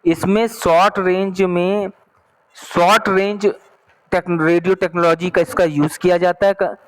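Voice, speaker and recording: High-voiced male teacher explaining slowly. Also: fairly even intonation, poor audio. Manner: explains slowly, reads English text then repeats in Hindi; checks understanding often. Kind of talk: online class lesson.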